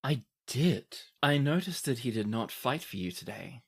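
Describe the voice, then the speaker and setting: A man's voice: mid-range voice, expressive, normal speed, gravelly, breathy edge. A man voicing an imperious, cruel noblewoman with a formal, condescending manner in a tabletop game. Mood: cool, approving. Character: imperious, cruel noblewoman presiding over an arena. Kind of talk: tabletop game role-play.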